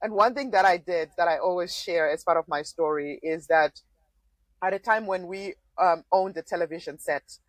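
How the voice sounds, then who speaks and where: At normal speed and fairly low pitch, a woman in her forties from Zimbabwe, formerly a political candidate, shares her story as a podcast guest, the low-quality recording free of echo. She comes across as thoughtful in the conversational interview, with frequent small laughs and many restarts.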